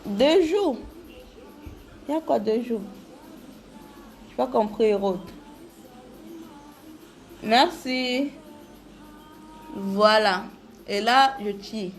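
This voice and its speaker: A woman's voice: on the high side, extremely slow, pauses often, soft background music. A woman chatting casually with viewers during a live makeup tutorial, greeting them by name.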